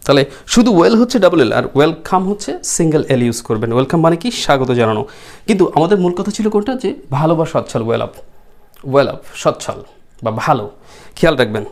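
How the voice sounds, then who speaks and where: A man with a Bengali accent teaching English vocabulary, who spells words letter by letter and repeats them, then asks the class questions and answers them himself. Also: fairly high pitch. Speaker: English tutor. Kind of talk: vocabulary lesson. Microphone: writes on a screen while teaching.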